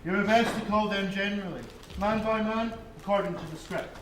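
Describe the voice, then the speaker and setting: A man playing a boastful, hammy male weaver in a stage play, booming and grandiose. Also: fairly even intonation, moderate pace, lightly acted. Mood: eager. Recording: echoey hall, faint noise.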